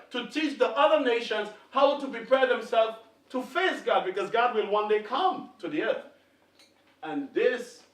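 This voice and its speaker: A man preaching a fervent sermon to a congregation, swinging between quiet talk and shouting. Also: high-pitched. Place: congregation hall. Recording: echoey hall, distant mic.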